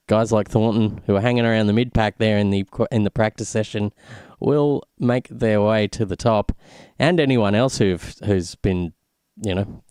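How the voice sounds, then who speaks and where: A man's voice: on the low side, a little mellow, smooth, no room sound, clean studio sound. A man hosting live race commentary in a conversational, colloquial manner. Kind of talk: live sim racing commentary.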